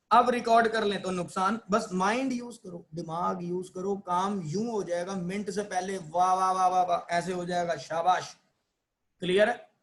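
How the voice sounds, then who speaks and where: A man gives a lively accounting lesson in a high voice. He acts out little reactions of joy and dismay. He quizzes his students and answers for them. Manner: asks students questions and answers them himself. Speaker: accounting teacher. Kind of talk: classroom lecture.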